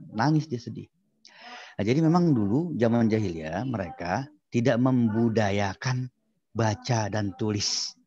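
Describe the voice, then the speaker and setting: A man teaches a class. He tells the story with animated, acted-out dialogue. The sound is dull and lo-fi, like audio from an online class. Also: fairly low pitch. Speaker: Islamic studies teacher. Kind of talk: storytelling lecture.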